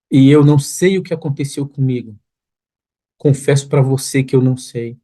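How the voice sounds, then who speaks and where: A man's voice: medium pitch, warm tone. A man preaching as a pastor, telling a story with earnest feeling that rises to pleading intensity. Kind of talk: sermon testimony. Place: online church broadcast room.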